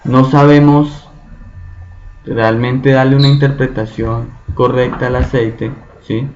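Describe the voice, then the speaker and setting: A man leads a Bible study at a slow, deliberate pace, often pausing to check in with his listeners through rhetorical questions. The recording sounds dull and lo-fi. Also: medium pitch, fairly even intonation, background noise. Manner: slow, asks the group frequent rhetorical questions.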